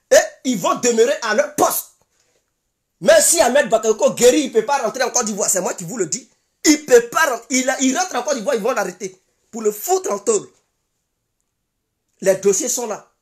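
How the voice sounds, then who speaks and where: An Ivorian woman delivers a fiery political commentary straight to her viewers. Her high voice rises and falls dramatically as she hammers home the same insistent declarations again and again. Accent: Ivorian French. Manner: emphatic, repeats insistent declarations. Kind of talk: impassioned political commentary monologue.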